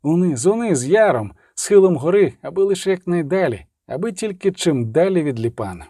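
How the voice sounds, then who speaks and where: A man's voice: a little high, animated, normal speed, mellow, husky, no room sound, studio quality. Man narrating a dramatic audiobook.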